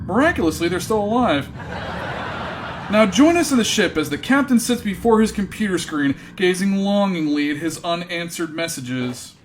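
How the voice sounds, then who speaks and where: Wry high-voiced male narrator. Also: expressive, normal speed, slight background noise. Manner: wry, mock-grand storytelling. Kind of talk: scripted comedic narration. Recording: music behind the voice.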